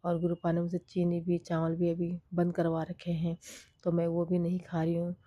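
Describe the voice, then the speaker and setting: A middle-aged woman with a hoarse voice from a cold, sharing a devotional gratitude testimony and repeating her prayerful thanks again and again. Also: lowish voice, completely flat delivery, normal speed, dry recording, dull audio.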